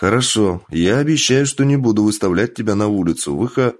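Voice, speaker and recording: A man's voice: on the low side, lively intonation, a little fast, a little mellow, dry recording. A man reading a story aloud, voicing a stern young princess who speaks in a commanding, exasperated way.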